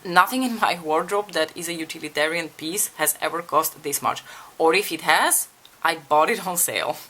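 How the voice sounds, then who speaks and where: Doing her makeup on camera, a young woman from Bulgaria talks openly to her viewers, swearing now and then and asking what they'd advise. She's a beauty vlogger with a low-pitched voice that sounds pushed and bright, keeping the tutorial chat casual.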